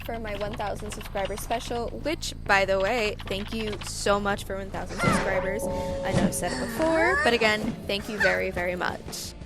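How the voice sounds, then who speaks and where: A woman in her early twenties with a feminine voice, giving a casual, self-conscious voice-over with rambling, self-mocking asides. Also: medium pitch. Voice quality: feminine-sounding. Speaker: gaming channel creator.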